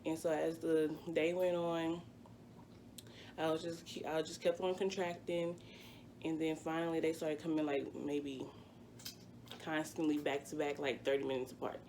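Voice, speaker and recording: Sitting low and a little mellow, her voice keeps a level tone at normal speed. The woman, a vlogger in her twenties, chats through a personal story in a rambling, filler-heavy, casual way, with slight noise behind her.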